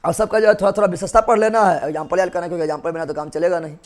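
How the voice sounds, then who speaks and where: A high-pitched young man teaching biology. He keeps firing quick questions at the class and repeats key terms until they stick. His tone is that of a classroom lecture. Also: steady tone.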